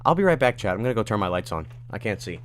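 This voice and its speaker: Casual streamer, male, slightly low voice; reads viewer questions aloud and answers off the cuff with asides. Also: big pitch swings, rapid-fire, slight background noise. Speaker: livestreamer answering chat questions. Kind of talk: casual livestream Q&A. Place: at home in his room.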